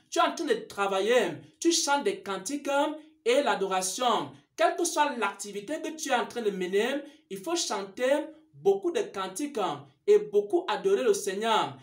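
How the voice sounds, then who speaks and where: A church minister giving a sermon-style announcement, with repeated rhetorical questions and answers. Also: medium pitch. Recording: roomy echo.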